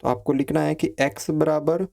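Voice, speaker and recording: Guy teaching maths, kinda high voice, goes slow and counts stuff out loud. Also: level tone, creaky, slight background noise. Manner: slow, step-by-step explaining, counting out values aloud; asks students questions, repeats phrases like ठीक है. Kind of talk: blackboard maths lesson.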